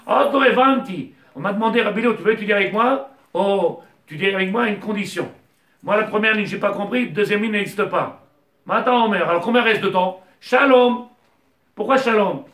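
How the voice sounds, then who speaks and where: A man teaching a Torah lesson with passion, his voice climbing to near-shouting as he mixes in Hebrew terms. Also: high-pitched, a little fast. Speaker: rabbi teacher. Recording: echoey room, mic at a distance.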